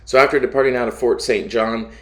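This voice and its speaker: A man narrating his own flight video as the pilot, casual and unscripted, in a halting, plain-spoken way. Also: medium pitch, fairly even intonation, fairly bright tone, slight background noise.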